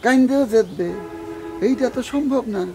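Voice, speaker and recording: A sarcastic son-in-law. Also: male voice, very high voice, moderate pace, dark tone, a little hiss or hum. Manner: sarcastic asides. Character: wry son-in-law commenting aside.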